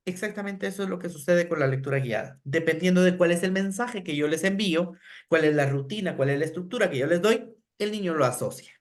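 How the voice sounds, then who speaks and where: A man's voice: high-pitched, fairly quick. A middle-aged man with a Guatemalan Spanish accent gives a teacher-training lecture, explaining step by step and often asking rhetorical questions with a tag "¿verdad?". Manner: acts out classroom phrases in a raised voice. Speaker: education lecturer.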